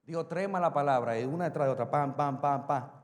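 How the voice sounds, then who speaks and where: High-voiced preaching pastor in a hall. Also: male voice, a little fast. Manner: preaching with sharp swings between loud and quiet. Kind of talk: sermon. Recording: long hall reverb.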